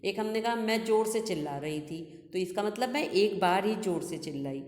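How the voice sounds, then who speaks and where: A woman's voice: medium pitch, lively intonation, normal speed, darkish tone. A woman teacher giving a recorded grammar lesson, patiently explaining each example twice. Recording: echoey room with long reverb.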